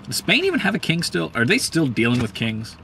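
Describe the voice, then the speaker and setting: A man giving a casual, profane, heated commentary, rambling with many fillers and swinging up in pitch when worked up. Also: huge pitch swings, fairly quick, vocal fry, fairly bright tone, slight background noise. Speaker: host.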